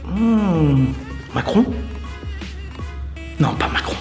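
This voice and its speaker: A man with a high-pitched voice chats eagerly to the camera as the host of a channel, speaking straight to his viewers and repeating himself as he goes. The room around him rings with echo, and faint music runs under his voice. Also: lively intonation, moderate pace, fairly bright tone. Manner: chatty and enthusiastic, addresses viewers directly, repeats himself. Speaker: muay thai channel host. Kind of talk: casual talk to camera.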